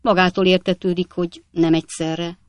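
A woman voicing a flippant young male medical student who tells gruesome stories in a breezy, animated way. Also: fairly low pitch, dry recording, lightly acted. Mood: breezy boastful.

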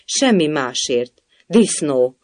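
A rude, bad-tempered duchess barks her scornful words, loud and pushy , as a male reader puts her on. The voice sits a little high and sounds dry and close, with no room around it. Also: expressive, dry recording, close to an everyday voice. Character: bad-tempered shouting noble duchess woman.

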